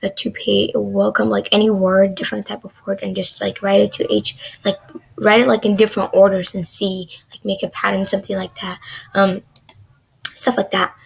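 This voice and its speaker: This young woman's voice is medium-pitched, gravelly, and husky, with a level tone and normal speed. She teaches a casual beginner coding lesson on screen recording, chattering loosely and saying "like" and "um" constantly.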